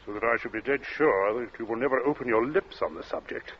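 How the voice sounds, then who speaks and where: An actor playing a cold, urbane captain in an old radio thriller, speaking in a suave, measured way with polite menace and small hesitant asides. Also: male voice, medium pitch, close to an everyday voice. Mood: coldly threatening. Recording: dull, noisy vintage radio recording.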